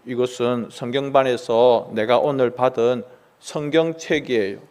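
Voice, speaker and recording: A man voicing a timid young boy who speaks softly and quietly pleads with his father. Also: fairly high pitch, in a large hall.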